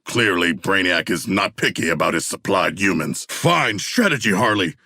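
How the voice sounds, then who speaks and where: An actor playing a huge, noble and bloodthirsty shark warrior in a video game, deep and gravelly, with formal, grandiose diction. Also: male voice, expressive, moderate pace, pushed and bright, no echo, heavily acted. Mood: resolute, formal.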